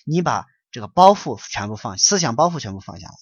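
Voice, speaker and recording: A man lectures in a preachy, scolding way, firing off rhetorical questions and often letting his phrases fade away quietly. His voice sits in a middle range. The recording is dull and lo-fi, with a dry, close sound. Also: medium pitch, sing-song, quick pace, slightly rough, dry recording. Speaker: online lecture teacher answering questions. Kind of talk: lecturing and answering listener questions.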